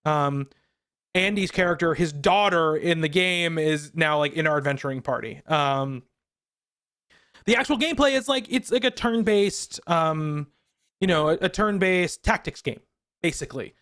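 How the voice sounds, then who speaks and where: Higher-voiced man rambling on a podcast. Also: animated, moderate pace, a bit bright. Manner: rambling, with frequent ums and restarts. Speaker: podcast co-host. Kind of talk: casual chat.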